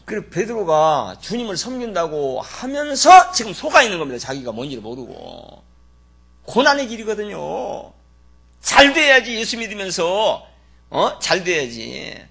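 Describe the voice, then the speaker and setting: A man preaching a sermon as pastor, folksy and teasing, swinging from loud exclamations to muttered asides. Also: on the high side, huge pitch swings, moderate pace, gravelly, husky.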